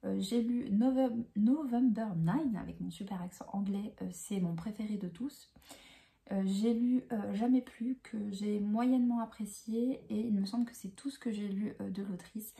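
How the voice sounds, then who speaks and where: A woman chatting casually about a book she read, hesitant and full of fillers and restarts, often dropping into soft whispery phrases. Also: medium pitch, fairly even intonation, moderate pace, creaky. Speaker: book reviewer. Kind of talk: casual book review chat.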